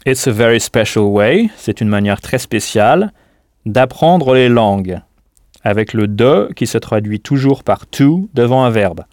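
A man's voice: medium pitch, animated, measured pace, a little mellow, no room sound, clean studio sound. A man teaching a scripted audio language lesson, patient and didactic, prompting the listener to answer.

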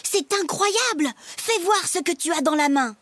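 Woman playing a high, gleeful little brother in a storybook, lively and husky. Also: slow pace, exaggerated voice. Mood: excited. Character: little boy, cheeky younger brother, mischievous.

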